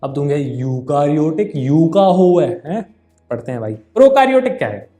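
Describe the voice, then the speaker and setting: A man's voice: fairly high pitch, animated, normal speed, dark tone, faint music behind. A man teaching a casual Hindi-English science lesson. He jokes, teases and calls the viewer brother. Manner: playful mispronunciations and asides. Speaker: online tutor.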